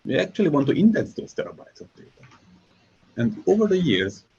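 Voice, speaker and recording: A man from Hungary, a software engineer, giving a scripted conference presentation in a measured, explanatory way with touches of dry irony. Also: fairly high pitch, very animated, creaky, husky. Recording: slightly dull, muffled recording.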